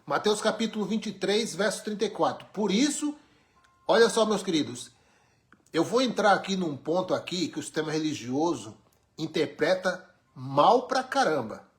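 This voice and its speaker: A man's voice: high voice, very animated, normal speed. A man from Brazil, preaching an informal sermon with emphatic, wry rhetorical questions. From Brazil, born in Pernambuco, raised in São Paulo.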